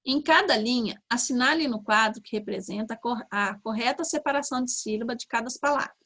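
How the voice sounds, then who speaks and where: A Brazilian Portuguese-speaking woman teaching young children, slowly sounding out syllables and checking in often. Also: a little high, fairly bright tone. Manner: slow, sounding out syllables, frequent "tá?" and "ó". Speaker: primary school teacher. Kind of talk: online lesson to young children.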